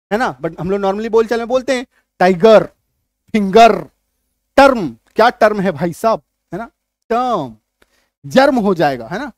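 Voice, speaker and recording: A man's voice: high voice, no room sound, clean studio sound. A man teaching an English spelling and pronunciation lesson, repeating key words and quizzing the viewer.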